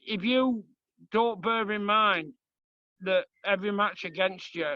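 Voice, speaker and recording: A northern English man with a voice that sits high speaks at a measured pace, chatting bluntly and colloquially about sport like it's pub talk. As host and fan, he's putting questions to a player from a small home kitchen. The audio has no room sound and its highs are cut off.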